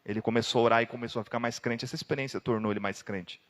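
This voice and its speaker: A Brazilian man preaching in a church hall, and his voice rings with a long reverb. He tells his story dramatically and breaks into sudden loud outbursts. His pitch sits around the middle for a man. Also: fairly even intonation, racing. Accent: Brazilian Portuguese. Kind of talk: sermon.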